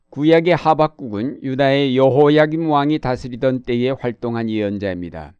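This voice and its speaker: A male pastor delivers a sermon at an unhurried, measured pace, slowing down for weighty scripture readings. His voice is mellow and smooth. The recording is close and dry, with a slightly muffled tone. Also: medium pitch, no room sound.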